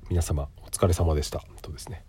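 A man's voice: sits low, fairly even intonation, quick pace, mellow, husky. A middle-aged man with a nasal, congested voice from a cold, hosting a casual solo podcast in a polite, explanatory way. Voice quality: nasal, stuffy voice. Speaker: podcast host. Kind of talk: casual solo monologue with frequent filler pauses.

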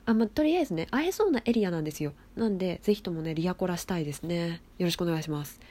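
A woman hosting her own casual talk show, chatty and excitable, often laughing and gushing as she reads out messages from listeners. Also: fairly low pitch, racing. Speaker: solo talk show host. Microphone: phone app recording.

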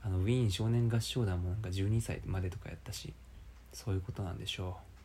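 A young man with a Kansai accent, rambling through a casual, self-mocking solo podcast in a low voice. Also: steady tone, quick pace, warm tone, a little hiss or hum. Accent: Kansai Japanese. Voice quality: low speaking voice.

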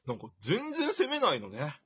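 A man's voice: a little high, wildly swooping pitch, moderate pace, muffled recording, crowd noise. A man chatting casually, playful and self-deprecating, with a rambling way of talking. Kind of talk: casual chat.

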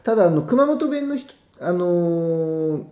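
A man's voice: high-pitched, animated, slow, warm tone, reverberant. A man from Miyazaki hosting a casual podcast chat, chatty with frequent fillers. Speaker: podcast host.

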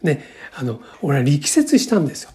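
A man's voice: on the high side, huge pitch swings, brisk, dark tone. A man in his sixties talking alone as a podcast host, chatty and rambling, with a filler in nearly every phrase. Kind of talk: casual solo monologue.

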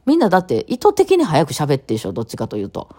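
A woman with a Kawachi Osaka accent and a low, gravelly voice, chatting on her own in a rapid-fire, piling-on way. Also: huge pitch swings, darkish tone. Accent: Kawachi Osaka dialect. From Kawachi, Osaka, Japan. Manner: rapid-fire, piling on one topic after another. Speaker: radio talk host. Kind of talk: casual solo talk.

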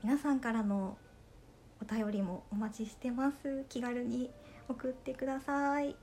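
A woman from Okayama with a Kansai accent, hosting a casual solo podcast and chatting gently and politely to her listeners. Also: fairly high pitch, fairly even intonation, unhurried, a little hiss or hum. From Okayama, Japan. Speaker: podcast host reading listener letters.

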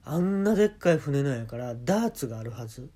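A man with a Kansai accent tells comic stories on his own, deadpan in tone. His mid-pitched voice jumps around a lot in lively swings. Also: fast talker. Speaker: podcast host. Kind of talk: comic storytelling monologue.

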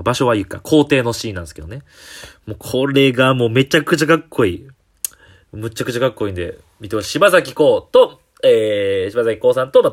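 A male comedian talking casually and enthusiastically on his solo podcast, with lots of fillers. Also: mid-range voice.

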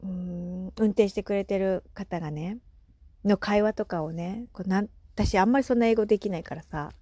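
A woman's voice: medium pitch, moderate pace, no echo. Chatty woman, dry close mic. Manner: chatty, animated, laughs often, soft asides. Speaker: podcast host. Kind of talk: casual solo chat.

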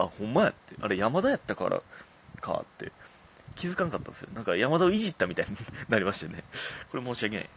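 Speaking in a fairly high, fairly bright voice with a breathy edge, a Kansai-accented comedian talks casually on his own radio show. He is self-deprecating and often laughs at his own stories.

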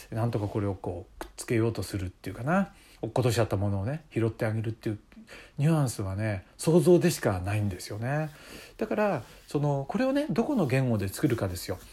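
Lively-pitched man musing aloud. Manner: musing, conversational, many fillers. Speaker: podcast host. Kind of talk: casual solo talk.

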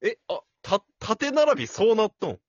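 Man, playful teasing banter, husky voice, dry dull recording. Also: high-pitched, wildly swooping pitch, moderate pace, dry recording. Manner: playful teasing, bursts of laughter. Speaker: podcast co-host. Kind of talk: casual joking chat.

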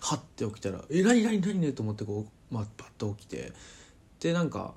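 A man casually telling a personal story to camera, chatty and full of fillers, animated as he retells events. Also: on the low side, fast, creaky, slightly rough. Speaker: vlogger.

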